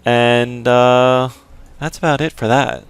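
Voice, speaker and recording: A man takes it slowly as he commentates a game walkthrough, his medium-pitched voice clear and resonant with fairly even intonation. He explains casually while playing, rambling and hedging with many fillers.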